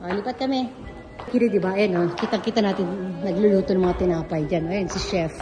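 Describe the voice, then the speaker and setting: A woman's voice: mid-range voice, a little fast, music in the background. A woman vlogging a casual hotel tour, chatting as she points things out and calls to her child. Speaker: travel vlogger. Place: hotel lobby and halls, indoors. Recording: handheld camera, noisy background.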